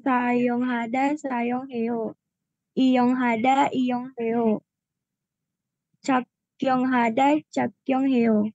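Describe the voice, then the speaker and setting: A woman student reading Korean practice words aloud in a slow drill. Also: a little high, little pitch movement, warm tone, no echo. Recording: dull lo-fi dry sound.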